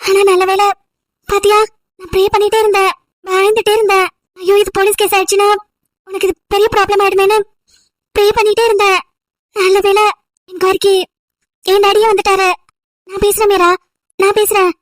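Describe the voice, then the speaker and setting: A woman's voice: very high voice, flat delivery, brisk, long pauses, no room sound, studio quality. A woman voicing a protective young woman in an amateur audio drama, soothing and earnest. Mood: comforting.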